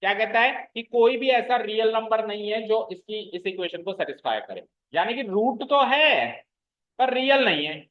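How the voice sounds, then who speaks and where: High-voiced man teaching maths to a class. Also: lively intonation, muffled recording. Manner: checks understanding with frequent questions to the class; explains slowly, repeating key terms. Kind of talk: classroom lecture.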